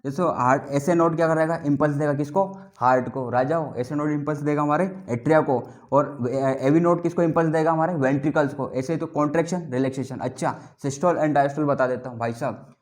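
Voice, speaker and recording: A male biology teacher giving a lively classroom lecture, drilling students to repeat terms back to him and teasing them playfully, mixing with terms. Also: a little high, fairly quick. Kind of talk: classroom lecture with call-and-response.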